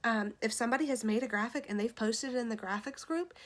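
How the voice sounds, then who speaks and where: A woman's voice: a little high, fast talker. A woman giving a casual tutorial on making social media graphics, chatting to viewers through a phone in her room. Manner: chatty, addresses viewers as you guys and y'all. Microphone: phone camera pointed at ceiling.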